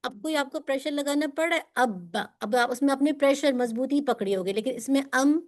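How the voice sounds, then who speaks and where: A woman teaching Quran recitation, who patiently drills sounds slowly and clearly and switches between Urdu and English to explain them. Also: sits high. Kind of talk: pronunciation lesson for students.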